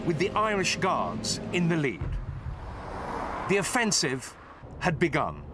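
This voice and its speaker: A man narrating a history documentary in a clear, expressive scripted delivery. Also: mid-range voice. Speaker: documentary presenter.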